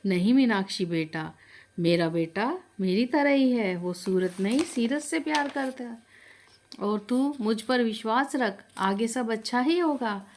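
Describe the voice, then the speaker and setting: A woman's voice: on the high side, animated, measured pace, darkish tone. A woman voicing a kind, motherly aunt who soothes and reassures a crying girl in a storybook tale. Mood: soothing. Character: kindly motherly aunt, comforting and firm.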